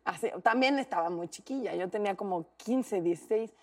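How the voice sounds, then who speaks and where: A young Mexican woman co-hosting a talk show, telling a story in a lively, slangy way and acting out the quotes. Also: medium pitch, a little fast, distant mic. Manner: animated, slangy, acts out quotes. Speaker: co-host.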